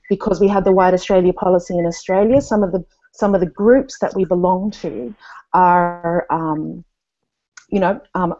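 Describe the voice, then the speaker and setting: On a video call from a small indoor room, a Tongan woman in her thirties sits at her desk and speaks as a panel guest in a fairly low, dark voice. The discussion is thoughtful and earnest, though peppered with fillers and restarts, and the webcam-and-earphones setup gives it a dull lo-fi sound.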